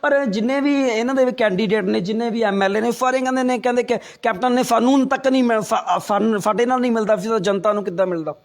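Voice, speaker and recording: High-voiced interviewer. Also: male voice, fast talker, hardly any pauses. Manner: pressing, calm, polite questioning. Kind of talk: political interview.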